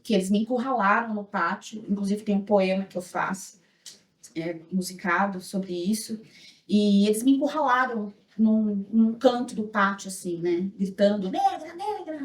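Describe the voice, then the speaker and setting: A Brazilian woman with a high voice leads a workshop in a hotel auditorium. She speaks earnestly and reflectively, tagging her lines with "né?". She sounds set back from the mic, and the room echoes around her. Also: darkish tone, far from the mic. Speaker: speaker leading an anti-racism workshop. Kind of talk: workshop talk with a small group.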